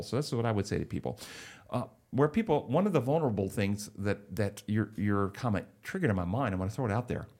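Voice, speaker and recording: A man speaking as a counselor, explaining ideas in a measured, earnest way and telling illustrative stories. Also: on the low side. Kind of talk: conversational explanation.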